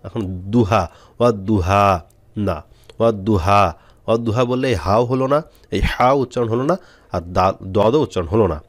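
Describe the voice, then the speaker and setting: In a brisk, lowish voice, this man walks his students through Quran reading one step at a time. He spells out the letters and repeats syllables for them to practice, and there's no echo on the audio.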